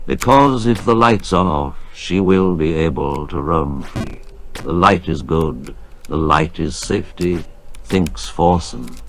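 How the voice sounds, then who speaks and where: This is a synthetic male voice that sounds plainly robotic. It sits very low and moves at an unhurried, even pace, reading each donation message in the same flat, machine-made way. A faint hiss runs beneath it. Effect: robotic text-to-speech voice.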